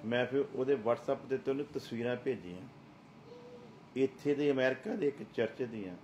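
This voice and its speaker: A man's voice: medium pitch, normal speed, darkish tone, highs cut off, slight background noise. A middle-aged man preaching a sermon as a pastor, emphatic and full of rhetorical questions.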